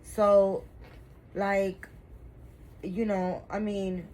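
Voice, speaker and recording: A woman's voice: mid-range voice, little pitch movement, drawn-out words, mellow, low-quality recording. A woman in her fifties, a doll-collecting vlogger, chatting casually to her viewers in a rambling way, full of fillers and restarts. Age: 50s.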